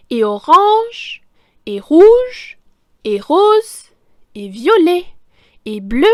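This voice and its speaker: A woman who is a French teacher reads a children's picture book aloud, slowly and deliberately, in a high voice. Her delivery is theatrical and expressive, stressing key words, and the studio recording is clean with no echo.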